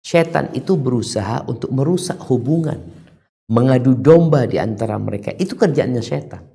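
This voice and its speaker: A man preaching a sermon, who moves between calm low talk and raised, emphatic lines and recites Arabic verses slowly. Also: creaky. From Indonesia. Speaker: Islamic preacher.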